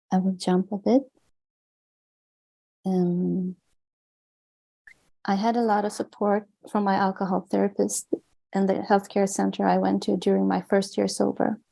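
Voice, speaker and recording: Gravelly Swedish-accented woman reading aloud. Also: mid-range voice, warm tone, poor audio. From Sweden. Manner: earnest, measured, with small restarts. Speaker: author and guest. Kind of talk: reading aloud from her book.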